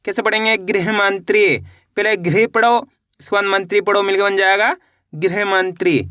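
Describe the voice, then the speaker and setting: A man's voice: high-pitched, fairly even intonation, moderate pace, sharp tone, dry recording, studio quality. A man teaching beginners to read, sounding out each word syllable by syllable and then saying it whole, patient and repetitive. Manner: patient, repeats "how will you read it?". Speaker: Hindi reading teacher. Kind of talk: slow reading lesson for beginners.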